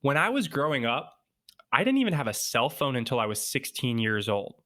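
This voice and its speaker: Bright-voiced man in his thirties. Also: mid-range voice, big pitch swings, brisk. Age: 30s. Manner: confident, emphatic explaining. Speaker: podcast guest. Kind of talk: casual conversation.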